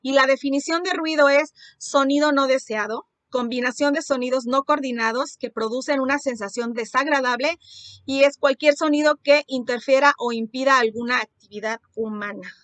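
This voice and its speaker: A woman's voice: high voice, moderate pace, a bit bright, no echo. A woman teaching a secondary school music lesson online, explaining step by step with frequent fillers and restarts.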